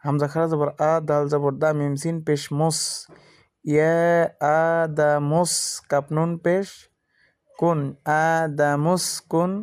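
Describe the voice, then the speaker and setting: A man teaching Quran reading, spelling out letters and vowel marks in a steady chant, and reciting verses in a slow, drawn-out style. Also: on the high side, clear, resonant tone. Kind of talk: letter-by-letter tajweed lesson.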